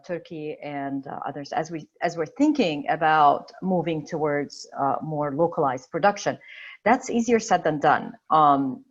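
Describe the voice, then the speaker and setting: A woman from Egypt serves as a panelist in an online discussion, speaking over a video call in a low voice with lo-fi sound. She comes across as thoughtful, her speech full of fillers and restarts.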